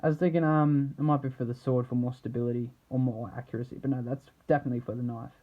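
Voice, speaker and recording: A man giving a casual, unscripted product showcase as an action figure reviewer, rambling haltingly and trailing off mid-thought. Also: medium pitch, fairly even intonation, narrow, tinny audio.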